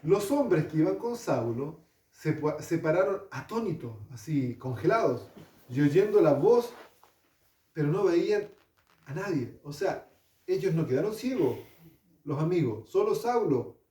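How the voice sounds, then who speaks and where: A man's voice: a little high, very animated, measured pace, dark tone. A male pastor, preaching a storytelling sermon and putting questions to the congregation. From Chile. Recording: echoey hall, distant mic.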